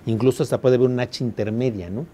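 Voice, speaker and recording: A man's voice: mid-range voice, steady tone, quick pace, mellow, slight background noise. Mexican man lecturing a class. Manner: explains patiently, checks understanding with constant questions. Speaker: law school teacher.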